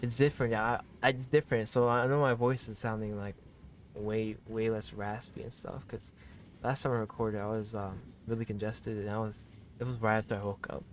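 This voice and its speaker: A man doing a visual novel let's play reads the story aloud and reacts casually with slang, effusive remarks and swearing. His voice is lowish with little pitch movement, fairly quick, and there's slight background noise.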